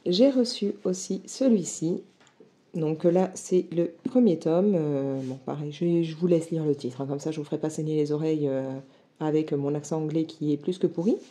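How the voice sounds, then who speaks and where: Chatty woman with a low, dark voice. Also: fairly even intonation, moderate pace. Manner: chatty, many fillers, enthusiastic. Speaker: book vlogger. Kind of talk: casual book haul chat.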